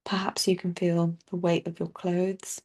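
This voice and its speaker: Speaking as a meditation teacher, this woman leads a body scan in a gentle, calming manner, leaving long pauses without rushing. Her voice is lowish and husky, and her delivery is flat.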